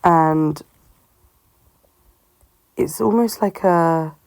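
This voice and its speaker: A woman talking casually and reflectively to her listeners, musing in a halting way, her voice affected by a sore throat. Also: sits low, darkish tone, no room sound. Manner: halting, musing, self-questioning. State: sore-throated, unwell-sounding voice. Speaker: solo host of a personal talk show.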